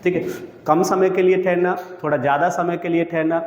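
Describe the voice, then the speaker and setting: A man with a slightly high voice teaches an exam coaching lesson. He poses each question and answers it himself, calling his listeners friends and brother. The recording sits in a room with a long reverb. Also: steady tone, a little fast, darkish tone.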